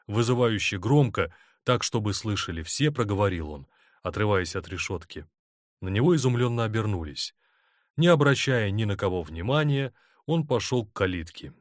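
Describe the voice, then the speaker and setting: A man reading a novel aloud as an audiobook narrator, dramatic and expressive. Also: fairly low pitch, dry recording, clean studio sound. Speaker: audiobook reader. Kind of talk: scripted narration.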